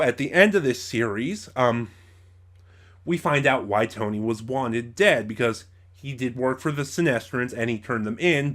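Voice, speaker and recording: Rambling through an off-the-cuff review on his channel, this male host voices strong opinions and keeps correcting himself mid-thought. He speaks in a mid-range, slightly bright voice.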